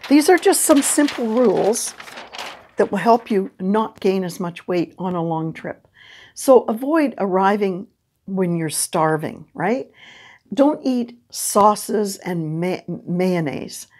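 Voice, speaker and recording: An older woman hosting a casual diet lesson at a whiteboard, chatty and animated, often checking in with "right?", recorded from a camera at medium distance. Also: medium pitch, slow pace. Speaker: health and diet video host. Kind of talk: casual instructional talk at a whiteboard. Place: indoor room before a whiteboard.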